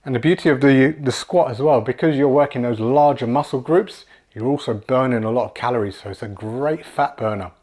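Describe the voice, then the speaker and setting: A man's voice: mid-range voice, brisk, a little mellow. Casual man in his forties coaching. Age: 40s. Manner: casual, encouraging, repeats words. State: slightly out of breath at times. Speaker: fitness coach. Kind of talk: home workout demonstration. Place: small room at home with kids' toys.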